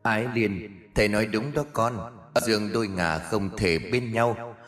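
Man voicing a noble ghost mother in an audio ghost story; soft, pleading, low-toned. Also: moderate pace, soft background music, close to an everyday voice. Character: gentle ghost mother, dignified noble lady.

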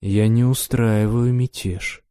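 A man's voice: on the low side, steady tone, slow pace, dark tone, smooth. A male narrator voicing a defiant young duke in an audiobook, speaking with accusing indignation. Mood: heated.

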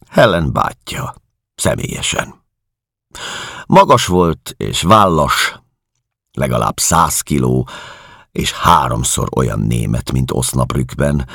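A man reading a novel aloud in a measured, expressive way. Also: rumbling low, creaky, husky, no echo, clean studio sound. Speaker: audiobook narrator. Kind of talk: scripted novel narration.

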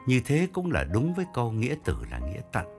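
A man's voice: medium pitch, huge pitch swings, fast, soft background music. A man voicing a grieving older head of household who gives firm orders. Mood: commanding. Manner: commanding, gruff.

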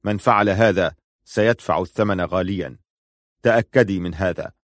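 Narrator doing a commanding male leader with a protective streak, low, dry close voice. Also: normal speed, no echo, natural voice. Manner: firm, clipped orders softening to gentle reassurance. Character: stern protective male clan leader, commanding yet tender.

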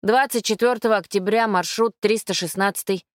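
A woman's voice: mid-range voice, fairly quick, dry recording, lightly acted. A woman voicing a tough male police detective who gives curt, mocking orders, recorded dry and close. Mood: stern.

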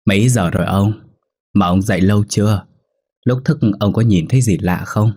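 A man voicing a kind, pious grandmother who talks gently and coaxingly in a ghost story. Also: lowish voice, moderate pace, husky, dry recording, studio quality. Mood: soothing.

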